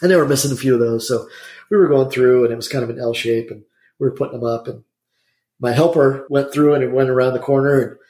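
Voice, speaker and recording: A man's voice: medium pitch, darkish tone. Man, contractor guest, rambling storyteller, echoey room. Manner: chatty, rambling, quick storyteller. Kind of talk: casual interview storytelling.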